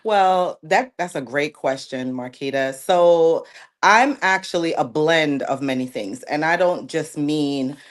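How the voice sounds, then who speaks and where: Low-voiced woman with a Jamaican lilt. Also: slow. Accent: light Jamaican and New York. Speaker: guest, model. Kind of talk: interview conversation.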